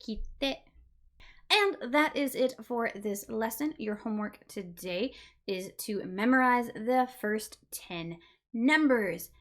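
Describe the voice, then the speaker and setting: Speaking slowly with lively intonation and a fairly high pitch, this Japanese teacher takes beginners through an online lesson. She patiently says example words over again and frequently asks "right?" to check in.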